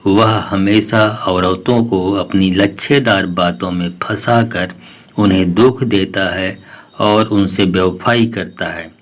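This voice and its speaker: Scolding female myna bird, curt, storybook, man reading, low voice. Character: sharp-tongued female myna bird, distrustful of males.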